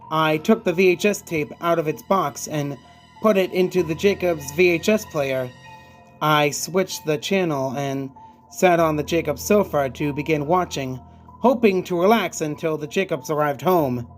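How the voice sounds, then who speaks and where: A man narrates a scripted horror story. His voice sits a little high, and music plays softly underneath. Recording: music bed behind the voice. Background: background music.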